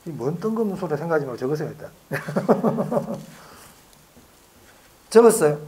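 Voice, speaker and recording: A man teaching an exam-prep lecture, drilling students with rapid back-and-forth questions and slowly stretching out key phrases. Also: fairly high pitch, lively intonation, mellow, a little hiss or hum.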